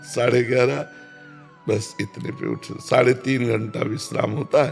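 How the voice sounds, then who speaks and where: A man, calmly answering devotional questions as a spiritual teacher and repeating key phrases. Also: medium pitch, vocal fry. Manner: calm, repeats key phrases, chants verses slowly.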